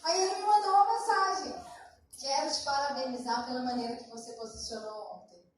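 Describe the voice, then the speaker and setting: High-voiced woman preaching in echoey hall. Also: fairly quick, slight background noise. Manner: animated storytelling, acting out dialogue. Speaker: pastor. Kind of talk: sermon with personal story. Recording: echoey church hall from far off.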